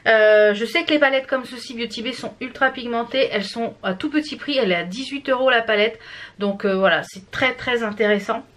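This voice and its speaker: A woman's voice: on the high side, a little fast, a bit bright, a little hiss or hum. A woman from France chatting casually through a makeup product review, with many fillers and restarts. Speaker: beauty vlogger.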